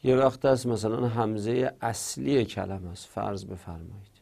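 Gravelly low-voiced man teaching slowly. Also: warm tone. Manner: patient, repeats example words slowly. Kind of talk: spoken grammar lesson.

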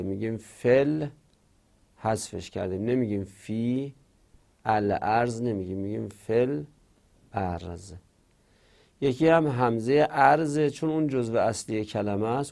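A man's voice: medium pitch, gravelly, a little mellow. A man giving a spoken grammar lesson, patiently repeating example words and explaining them step by step. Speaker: teacher.

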